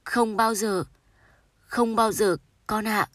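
A woman voicing a gentle, grieving middle-aged father who speaks softly and pleadingly. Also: lowish voice, normal speed, husky, no room sound, clean studio sound. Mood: pained.

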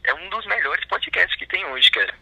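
A man's voice: high voice, very animated, normal speed, a crowd in the background. A young man from Belo Horizonte, a student, calling into a podcast and answering shyly. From Belo Horizonte, Brazil. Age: young adult. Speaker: caller, student. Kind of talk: phone call into a podcast. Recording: dry, husky phone line.

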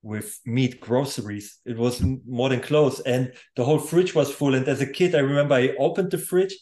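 A man's voice: mid-range voice, steady tone, normal speed, darkish tone. A man in his thirties, born in Poland and raised in Germany, speaking English as a second language with German as his first, chatting as an interview guest who laughs easily and restarts his sentences. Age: 30s. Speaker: guest, music producer. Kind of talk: casual interview.

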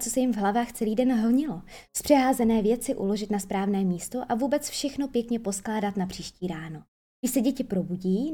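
Reading a children's storybook aloud, a woman tells the tale in a lively, storytelling way. Her voice is soft, mellow and slightly high, and she occasionally stumbles over a word.

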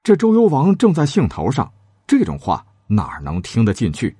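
A man telling a traditional tale with lively, dramatic delivery. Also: moderate pace, husky, no echo, studio quality. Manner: lively, dramatic, shifting pitch for characters. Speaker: storyteller. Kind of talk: storytelling narration with acted character lines.

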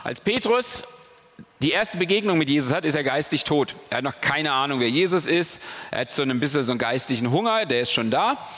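A man's voice: a little high, expressive, brisk, a bit bright. A man giving a casual, conversational sermon, often checking in with his listeners. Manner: casual, conversational preaching with frequent "ja?" and "okay?". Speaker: preacher. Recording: long hall reverb.

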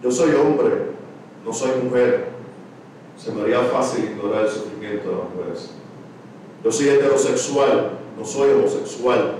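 A man preaching a sermon, swinging from shouts to hushed words. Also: mid-range voice, unhurried, a little hiss or hum. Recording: echoey, distant room mic.

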